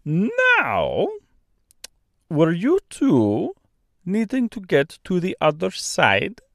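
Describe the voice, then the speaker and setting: An oversized, relentlessly friendly male stork, who drawls every word in a thick, comic mix of Austrian and French accent. His voice rides high and swoops broadly through its slow, stretched lines. It sits close and dry, with no room around it. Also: wildly swooping pitch, a bit bright, dry recording, full character voice. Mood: cheerful. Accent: thick mock Austrian and French. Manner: slow, bouncy, exaggerated delivery. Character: huge kind-hearted male stork, cheerful and pushy.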